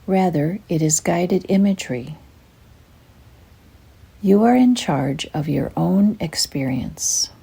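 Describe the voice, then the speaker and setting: An older woman narrates a guided meditation gently and without hurry, her voice soft, breathy and husky. It sits on the low side yet stays animated, soothing throughout.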